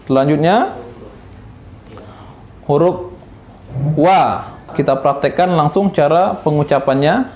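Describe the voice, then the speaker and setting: A male teacher from Indonesia giving a recitation lesson, speaking slowly and patiently and drilling each letter sound again and again. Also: fairly high pitch, darkish tone. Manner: slow, patient, repeats each syllable for practice.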